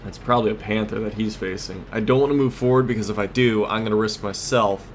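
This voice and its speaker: In a fast, lowish voice, the male host of a let's play series keeps up casual commentary, thinking out loud in short tactical remarks. The clear background noise is the vehicles and battles of a tank game.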